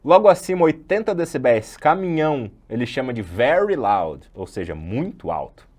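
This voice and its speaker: A man's voice: medium pitch, very animated, moderate pace, a little mellow. A man with a Brazilian Portuguese accent giving an online sound design lecture, chatty and explanatory, often correcting himself mid-sentence.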